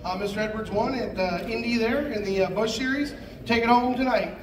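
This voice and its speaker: A man's voice: very high voice, brisk. A man working as an auctioneer and announcer, calling a live auction with a repetitive number chant in a big indoor room. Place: large indoor hotel conference room. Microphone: audience phone camera, at a distance. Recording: distant echoey event hall with crowd.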